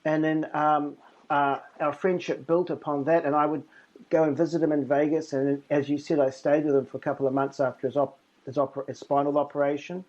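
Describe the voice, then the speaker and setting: A man, a magician guest, reminiscing in halting, self-correcting casual talk. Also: fairly high pitch, little pitch movement, a little mellow. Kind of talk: casual interview chat. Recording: dull lo-fi remote line.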